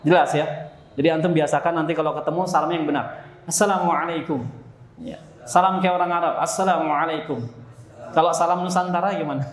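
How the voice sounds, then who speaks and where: Guy teaching tajwid to a room, kinda high voice, jokes around a lot, sings the arabic letters, echoey hall. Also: steady tone, fast talker. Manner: playful, laughs often, models Arabic sounds in a sung drill. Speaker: Quran recitation teacher.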